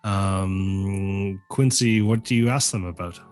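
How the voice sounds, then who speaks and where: A man's voice: deep voice, steady tone, slow, darkish tone, no echo, faint music behind. A man running a tabletop game as game master, narrating in a laid-back, rambling way and voicing bar patrons.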